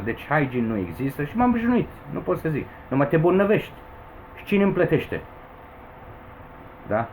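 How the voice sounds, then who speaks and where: A man's voice: mid-range voice, darkish tone, a little hiss or hum, low-quality recording. A Romanian man in his forties, rambling through an agitated personal complaint to camera, with emphatic outbursts. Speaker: vlogger. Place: home in the Philippines.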